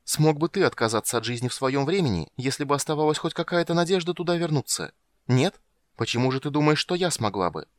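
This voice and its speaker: Stern young priestess lady, bitter and proud, pitched up high, a guy reading her in an audiobook. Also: quick pace, no room sound, lightly acted. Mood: bitter, challenging. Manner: raised pitch, firm and reproachful.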